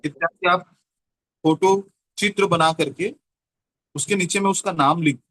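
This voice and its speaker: A man explaining a teaching method in an online class, slowly repeating example words. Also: high-pitched, fairly bright tone. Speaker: teacher training trainer.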